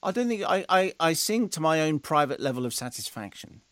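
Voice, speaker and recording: A man hosting a radio show in casual banter, with a dry, teasing, deadpan manner, close on a studio microphone. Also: fairly high pitch, brisk, no echo.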